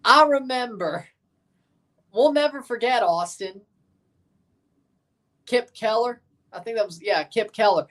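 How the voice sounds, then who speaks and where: This watchalong host runs a casual soccer stream, mixing live football commentary with chat to viewers. Her voice is a little high and unhurried, with frequent pauses, and she tends to repeat and correct herself.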